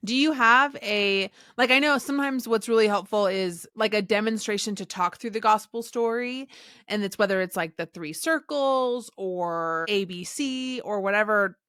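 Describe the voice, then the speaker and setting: A woman hosting a podcast interview, asking questions and giving quick encouragement. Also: mid-range voice, fairly bright tone, smooth, dry recording, clean studio sound. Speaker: podcast host.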